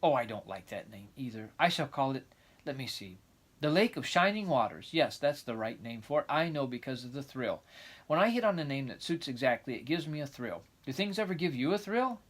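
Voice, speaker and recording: A man's voice: medium pitch, very animated. A man voicing an eager, dreamy orphan girl of about eleven in a storybook, chattering breathlessly and gushing. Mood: dreamy delight. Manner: breathless, gushing, rapid rambling.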